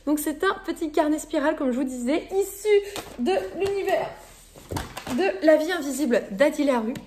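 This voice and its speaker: A woman's voice: high-pitched, animated, normal speed, darkish tone, slight background noise. A woman chatting casually to camera as she unboxes her shop parcels, gushing and laughing often, a little tired. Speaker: vlogger and shop owner.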